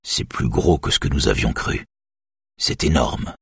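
A man voicing a strict middle-aged male police chief who speaks firmly and loudly. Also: lively intonation, normal speed, husky, no echo, studio quality, exaggerated voice. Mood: grave. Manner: strict, booming.

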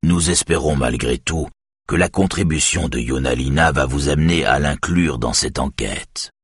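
A man's voice: very deep voice, moderate pace, slightly rough, dry recording, clean studio sound. A man voicing a nervous male official with a strident voice, forcing friendliness. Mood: polite.

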